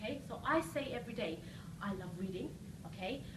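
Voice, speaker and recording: Woman motivational coach, emphatic n rousing, high voice, echoey noisy seminar recording. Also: lively intonation, a little fast. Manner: rousing, emphatic, checks in with short questions. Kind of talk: motivational seminar speech to a live audience. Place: live seminar room with audience. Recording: roomy echo, distant mic, noisy background.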